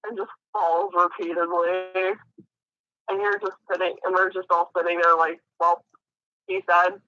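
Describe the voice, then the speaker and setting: A man chatting as a guest on a casual livestream, excitable and giggly. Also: high voice, unhurried. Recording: dry dull lo-fi stream audio.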